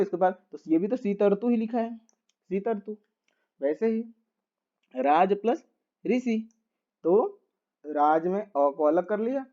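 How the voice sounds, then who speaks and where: A man's voice: high-pitched, mellow, highs cut off. A man teaching a grammar lesson, patiently repeating each step and asking rhetorical questions as he writes on a board.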